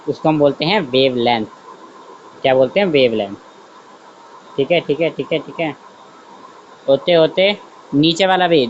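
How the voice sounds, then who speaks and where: On a recording with the highs cut off and a slight hiss or hum, a man with a fairly high voice teaches science online. His manner is chatty: he thinks out loud as he draws and keeps repeating "theek hai." He self-corrects and asks the class whether they've understood.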